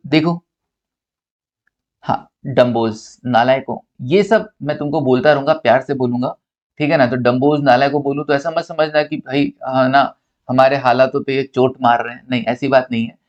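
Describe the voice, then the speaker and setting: A man's voice: medium pitch, normal speed, a little mellow, highs cut off. A man from India giving a recorded accountancy lecture, teasing his students playfully and asking and answering his own questions.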